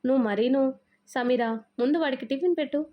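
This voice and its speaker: A woman voicing a bossy, thrifty middle-aged mother-in-law who gives brisk orders in a Telugu storybook reading. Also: high-pitched, highs cut off, soft background music, lightly acted. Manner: commanding, brisk.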